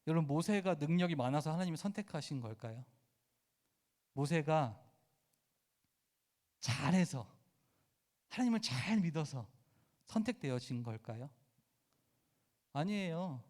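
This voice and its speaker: A man's voice: on the high side, lively intonation, a little slow, pauses often, darkish tone. A man preaching a sermon to teenagers, emphatic and asking his listeners direct questions. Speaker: youth pastor.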